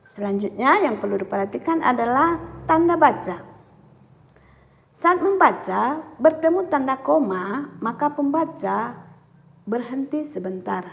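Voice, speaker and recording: A woman teaching a primary school lesson, patient and gently coaxing as she explains step by step. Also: a little high. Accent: Indonesian. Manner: patient, gently coaxing, adds "ya, Nak ya" to many points. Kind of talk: classroom lesson.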